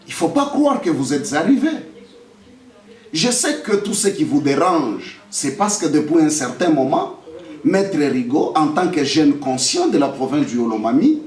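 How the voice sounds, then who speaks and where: A young lawyer and political candidate from the Democratic Republic of the Congo, with a Congolese French accent, gives an emphatic, defiant press statement answering accusations and repeats phrases for effect. His voice is a little high and very animated at normal speed, picked up by a distant microphone in an echoey room.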